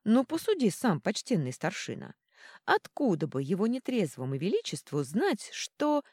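A woman's voice: medium pitch, wildly swooping pitch, normal speed, a little mellow, breathy edge, no room sound, clean studio sound, pitched above the performer's own voice. A woman voicing a tipsy, playful male jester who hiccups as he talks.

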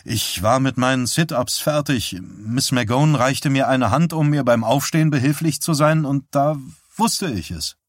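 A man's voice: medium pitch, a little slow, no echo, clean studio sound, voice pushed up. A man voicing a bewildered, hesitant young man. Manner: hesitant, quiet. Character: tired, bewildered young man facing reporters.

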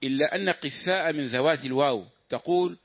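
A man reading a classical text aloud in a lesson, at a measured pace with pauses for the teacher's remarks. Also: on the high side. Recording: dull lo-fi lesson recording.

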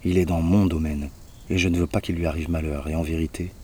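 A man's voice: sits low, fairly even intonation, fast, a little hiss or hum, close to an everyday voice. A man doing a proud, defiant old sage. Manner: forceful, scolding.

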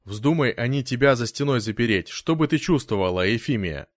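A man doing a hot-tempered Scottish man, gruff, blunt, curt, audiobook, dry sound. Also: mid-range voice, lively intonation, fairly quick, dry recording, close to an everyday voice. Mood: angry.

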